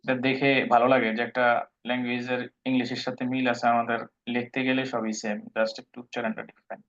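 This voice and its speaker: A man's voice: medium pitch, flat delivery, quick pace, a bit bright. A man teaching a live online language class, patiently explaining pronunciation step by step and mixing in English words. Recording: dull lo-fi online call audio.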